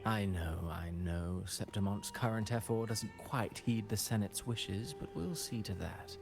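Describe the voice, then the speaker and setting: An actor voicing a scheming male noble in a game, speaking in a smooth, measured way with veiled menace. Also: on the low side, over music. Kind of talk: game voice acting.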